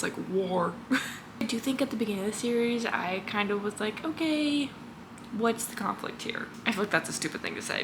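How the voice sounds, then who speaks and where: A woman's voice: mid-range voice, background noise. A young woman in her twenties chatting casually in a reading vlog, gushing and filler-heavy. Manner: chatty and gushing, full of "like" and "literally". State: slight lisp from a retainer. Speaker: book vlogger.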